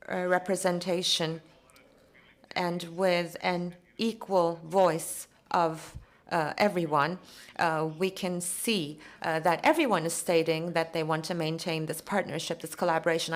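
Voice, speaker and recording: A woman giving a simultaneous interpretation of conference speeches into English, measured and halting as she keeps up with the speaker. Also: on the low side.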